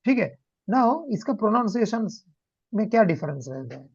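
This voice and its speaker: A man's voice: high voice, very animated, normal speed, creaky, husky, no room sound. A man teaching a German demo class over a video call, switching between Hindi and English and often checking that the learner understands. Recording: dull lo-fi call audio.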